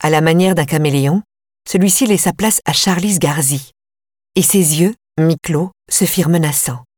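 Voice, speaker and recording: A woman narrates a first-person audiobook in a measured, tense way. Her voice sits low. The recording is close and dry. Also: a little mellow, breathy edge, no room sound.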